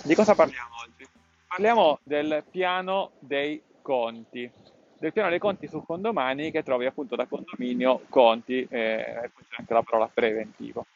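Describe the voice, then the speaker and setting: A man's voice: mid-range voice, moderate pace, vocal fry. A man hosting an explanatory podcast outdoors, speaking slightly muffled through a face mask, in a didactic way that repeats key points. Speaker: podcast host. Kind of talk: explanatory tutorial to camera. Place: outdoors at a scenic spot. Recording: dull, muffled lo-fi sound.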